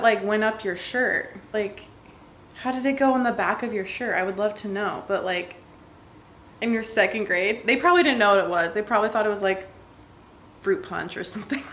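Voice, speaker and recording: A woman's voice: mid-range voice, fairly bright tone, reverberant, slight background noise. A woman vlogger casually reading viewer stories aloud, chatty, laughing often and full of "like" fillers.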